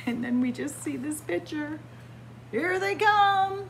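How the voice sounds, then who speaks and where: In a low-quality recording with a bit of hiss or hum, a woman in her sixties reads a picture book aloud in a high, animated, slow voice with vocal fry. She is a children's librarian, chanting rhymes sing-song and making playful asides close to a webcam in a library with bookshelves.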